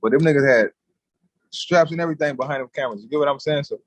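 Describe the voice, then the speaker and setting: A man telling a story as a podcast guest in casual street slang, animated and blunt. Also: on the high side, racing, no echo, poor audio. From California.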